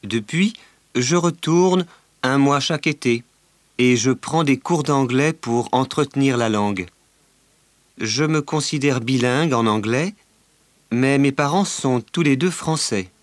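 A man giving voice to a bilingual French schoolboy. The lines are read at an unhurried learner's pace with a mid-range voice. The sound is dry and close, as in a studio. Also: medium pitch, dry recording, lightly acted. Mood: matter-of-fact. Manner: slow, carefully articulated delivery. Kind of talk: scripted language-course recording.

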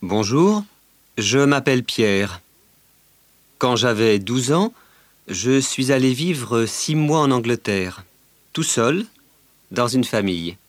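A slow, careful French schoolboy. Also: male voice, medium pitch, lively intonation, no room sound. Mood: matter-of-fact. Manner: slow, carefully articulated delivery. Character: friendly bilingual French teenage schoolboy. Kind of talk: scripted language-course recording.

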